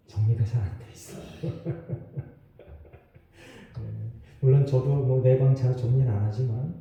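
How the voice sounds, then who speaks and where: A gravelly, dark, mid-range voice belongs to a pastor giving a sermon in a church sanctuary. The sound is lo-fi and echoey from a distant mic, and he speaks in a loose, conversational way with asides and little laughs.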